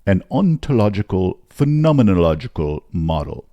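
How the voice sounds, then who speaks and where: A man's voice: low-pitched, big pitch swings, normal speed, warm tone, no echo, lo-fi sound. A man putting on a stodgy British academic. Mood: stodgy formal. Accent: British, put on. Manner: stiff, formal reading.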